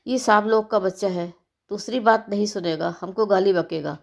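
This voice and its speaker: A woman's voice: mid-range voice, normal speed, creaky, close to an everyday voice. A woman voicing a grumbling middle-aged female nanny who speaks broken, ungrammatical Hindi and complains constantly. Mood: fussing grumble. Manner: complaining, fussing.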